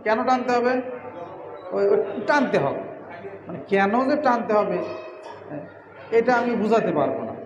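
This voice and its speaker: A man's voice: high voice, moderate pace, long pauses, echoey room, long reverb tail, lo-fi sound, background noise. A man teaching Quran reading in a mosque class, drilling letter sounds and stretching syllables in a chanting recitation.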